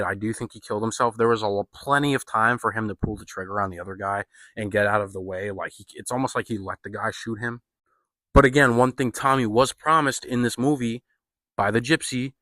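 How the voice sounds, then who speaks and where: A man's voice: lowish voice, sharp tone, no room sound, studio quality. A man giving a casual spoken film review, loose and profane, full of fillers and slang. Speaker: movie reviewer.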